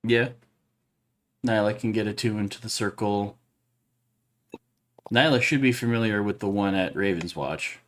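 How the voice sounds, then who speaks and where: A man with a lowish voice narrates his character's moves in a tabletop game. He takes his time, stretching out each descriptive phrase at a very unhurried pace. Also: slight background noise. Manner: slow, drawn-out descriptive narration. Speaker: player.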